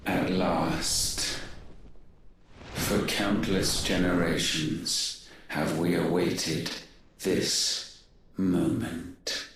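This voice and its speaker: An actor playing a solemn, menacing godlike villain in a video game, speaking in archaic, doom-laden pronouncements. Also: male voice, deep voice, level tone, extremely slow, slight background noise, exaggerated voice. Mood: grave, ominous. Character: solemn, menacing dark godlike male villain demanding surrender. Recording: heavy reverb under loud game music.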